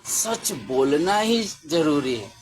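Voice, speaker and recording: A man preaching a sermon slowly and emphatically, raising his voice for stress. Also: fairly high pitch, expressive, background noise. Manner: slow, emphatic, with rising exclamations.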